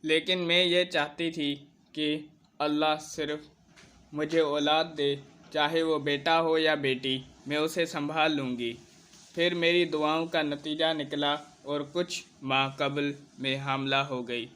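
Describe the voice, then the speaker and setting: A man with a fairly high, bright, forceful voice tells a personal story in the first person. His delivery is steady and earnest, one event after another. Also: smooth. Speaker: narrator.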